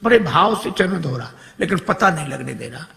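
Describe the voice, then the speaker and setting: A man telling a devotional story sermon, animated and acting out the characters' dialogue in shifting voices. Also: a little high, normal speed, gravelly. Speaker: religious storyteller. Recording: long hall reverb.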